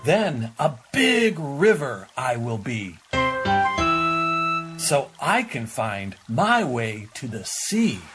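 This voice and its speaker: A storybook reader voicing a joyful, sing-song brook in a high voice. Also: sing-song, extremely slow, over loud music. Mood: gleeful. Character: laughing, joyful singing brook.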